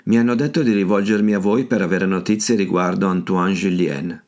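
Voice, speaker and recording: A man's voice: deep voice, fairly quick, a little mellow. A courteous young man asks his questions with curiosity, as a male reader voices him. His manner stays polite and inquisitive. It is an audiobook reading.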